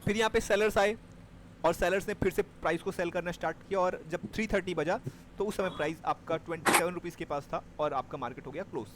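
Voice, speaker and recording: High-voiced male trading teacher. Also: quick pace, noisy background. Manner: explains step by step, checks understanding with students. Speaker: stock market trading teacher. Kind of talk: live class explanation.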